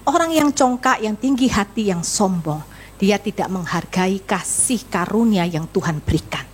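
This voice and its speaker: A woman pastor preaching a sermon to a congregation, telling lively personal stories with rhetorical questions. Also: medium pitch, moderate pace, slight background noise. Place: church service.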